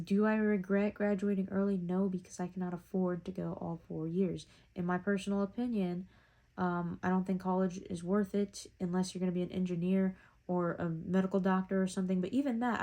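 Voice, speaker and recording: Rambling young woman with a mellow voice. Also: fairly low pitch. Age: young adult. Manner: rambling and reflective, with many fillers. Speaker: vlogger. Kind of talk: casual talking-to-camera vlog. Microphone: phone.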